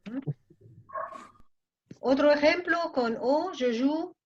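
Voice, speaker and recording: A woman's voice: sits high, slow pace. Mexican woman teaching French, lo-fi. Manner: explains in Spanish, checks understanding often. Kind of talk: online class lecture. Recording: muffled lo-fi audio.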